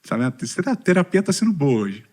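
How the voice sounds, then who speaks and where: Lively Brazilian man, self-mocking testimony. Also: fairly high pitch, moderate pace. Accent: Brazilian Portuguese. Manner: lively storytelling with self-deprecating humor, asks audience questions. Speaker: speaker at a church community talk. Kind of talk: humorous personal testimony talk.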